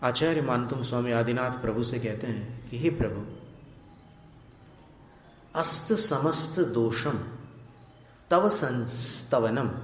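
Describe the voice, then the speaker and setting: A man giving a devotional sermon, explaining verses slowly and deliberately and breaking into melodic chanting. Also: medium pitch. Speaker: Jain monk giving a discourse. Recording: echoey hall, faint ambient noise.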